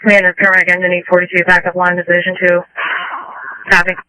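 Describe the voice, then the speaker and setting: A man's voice: sits high, completely flat delivery, fast talker, bright, forceful tone, smooth, no echo, poor audio. A man giving terse, procedural orders as a fireground commander over two-way radio. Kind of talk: emergency radio dispatch traffic, giving orders. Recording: dry, radio transmission.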